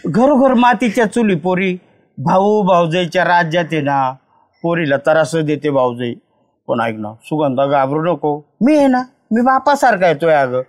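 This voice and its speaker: A man's voice: on the high side, lively intonation, moderate pace. An older man with a rural Maharashtrian Marathi accent, playing a village elder who consoles a crying young woman in a fatherly way. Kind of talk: village family drama acting.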